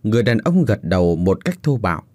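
A man narrating a dramatic story in an expressive audiobook reading style. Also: lowish voice, quick pace, dry recording.

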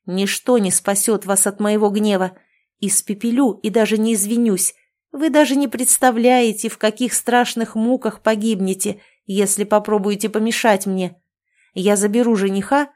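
A woman's voice: medium pitch, fairly even intonation, moderate pace, darkish tone, natural voice. Woman playing a fierce, defiant heroine. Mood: threatening. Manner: pleading then threatening, raised.

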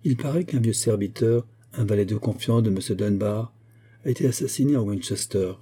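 A man's voice: fairly low pitch, brisk, warm tone, slightly rough. A man doing a chatty older widow. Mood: gossiping. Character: chatty older widow, gossipy and self-assured. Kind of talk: audiobook character voice.

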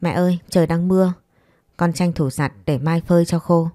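A woman voicing a meek, patient young wife and mother who speaks gently and pleads softly. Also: fairly low pitch, steady tone, normal speed, dry recording, studio quality, lightly acted. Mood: gentle pleading.

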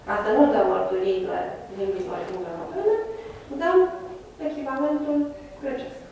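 A woman's voice: mid-range voice, big pitch swings, vocal fry, darkish tone, far from the mic, slight background noise. Woman lecturing in an echoey room. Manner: asks "da?" after each point. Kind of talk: classroom lecture. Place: classroom.

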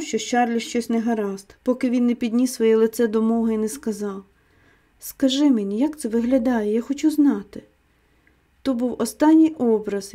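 A woman's voice: a little high, dark tone. A woman narrating an audiobook in a tense, dramatic reading voice. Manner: tense dramatic reading of a first-person male story.

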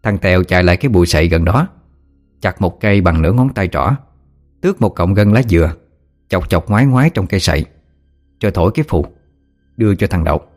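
Male audiobook narrator, Southern Vietnamese accent, lower voice, lively storytelling over faint music. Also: fast, long pauses. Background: soft background music.

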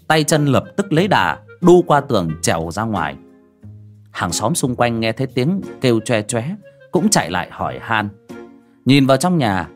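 Expressive male audiobook storyteller. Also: mid-range voice.

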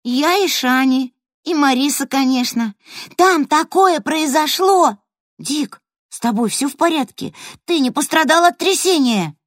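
Storybook girl, high and questioning, a woman narrator puts her on, lively. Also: a little slow, dry recording, studio quality. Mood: worried. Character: tired curious young girl.

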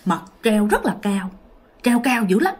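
A woman's voice: mid-range voice, very animated, measured pace, a little mellow, slightly rough. A woman with a Southern Vietnamese accent telling a ghost story in a casual, chatty way, talking directly to her listeners.

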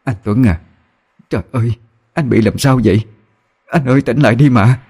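A man's voice: medium pitch, normal speed, a little mellow, husky, pitched above the performer's own voice. A man voicing a frightened wife who pleads in a raised, frantic voice in a story reading. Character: frightened wife pleading over her husband.

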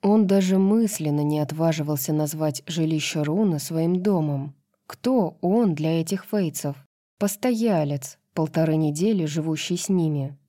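A woman narrating an audiobook in a low, mellow voice. Her reading is even and measured, with a dry, close studio sound. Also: no room sound.

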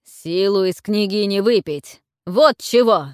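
A woman voicing a stern, menacing male warlord who speaks harshly and slowly. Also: medium pitch, animated, smooth, no room sound, studio quality, lightly acted. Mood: furious. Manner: harsh, growling, slow pressing speech.

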